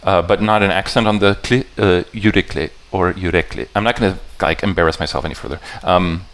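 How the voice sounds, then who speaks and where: Low-pitched and a bit bright, a man's voice walks a live audience through puzzle patterns. He keeps breaking off to restart and rephrase, and he turns to the listeners with questions to make sure they're with him.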